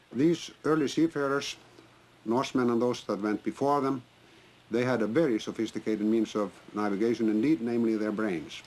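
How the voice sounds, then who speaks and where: A man from Iceland, speaking thoughtfully in a documentary interview, pausing with frequent fillers. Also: medium pitch, darkish tone.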